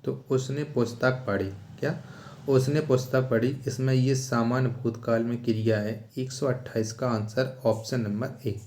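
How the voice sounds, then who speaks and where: A man with a medium-pitched, darkish voice speaks at a normal speed in a steady tone. He walks through exam questions step by step in a question-and-answer lesson, announcing each question and answer, repeating himself and posing rhetorical questions. The room sounds echoey.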